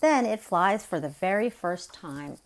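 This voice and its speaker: With a fairly low voice, a middle-aged story time host reads aloud from a nonfiction picture book for children. She delivers it in an expressive, deliberate way.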